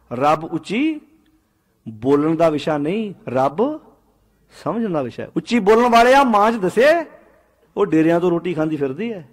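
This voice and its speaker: A man preaching a Sikh sermon, swinging between loud exhortation and low quiet asides, and slowing to chant verses of scripture. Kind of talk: Punjabi sermon with sung scripture.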